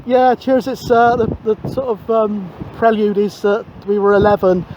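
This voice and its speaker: This is a man's high voice with little pitch movement, delivered at a moderate pace. He plays a matey, rambling CB radio operator outdoors by a windy sea, chatting on air and narrating to camera. Clear wind noise and general outdoor ambience fill the dull recording.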